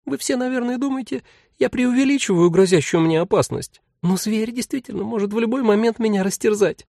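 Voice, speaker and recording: A timid little demon cloud. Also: male voice, high-pitched, fairly quick, vocal fry, mellow, dry recording, clean studio sound, voice pushed up. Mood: anxious. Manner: plaintive, fawning, fearful.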